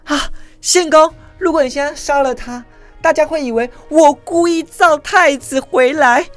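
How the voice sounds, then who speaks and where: A falsely sweet palace consort from an old tale, her voice lifted high and swooping with theatrical feeling, put on by a woman telling the story. She wheedles. Soft music plays faintly underneath.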